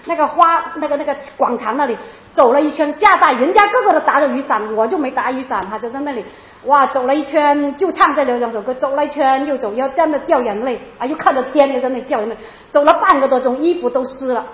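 High, fast-talking woman in an echoey room. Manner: animated, emotional retelling with many repeats. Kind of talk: personal testimony storytelling. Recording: roomy, dull lo-fi sound.

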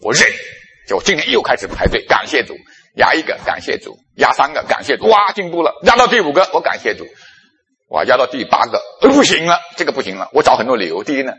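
A male preacher speaking with a breathy, husky voice, his pitch leaping up and down as he acts out scenes from his own past. The sermon rings out in a large hall with long reverb trailing each phrase. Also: fast talker. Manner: animated storytelling, acting out his own past self. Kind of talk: sermon with personal stories.

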